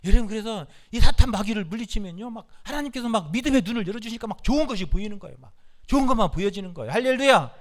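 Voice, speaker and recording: A male pastor preaches to his congregation with a high, restless voice that leaps up and drops down. He pushes the room into call-and-response and breaks into loud shouted commands. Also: lively intonation, rapid-fire. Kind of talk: sermon.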